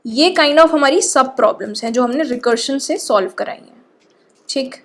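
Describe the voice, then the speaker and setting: High-voiced woman teaching code. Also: moderate pace. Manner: explains patiently, often checks in with "ठीक है". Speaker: programming teacher. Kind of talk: lecture, walking through code step by step.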